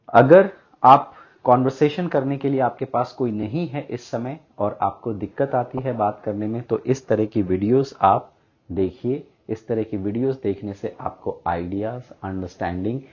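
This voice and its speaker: A man's voice: lowish voice, unhurried, darkish tone. Male teacher. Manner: explanatory, with frequent "uh" fillers. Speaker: English teacher. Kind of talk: bilingual Hindi-English lesson. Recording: dull lo-fi audio.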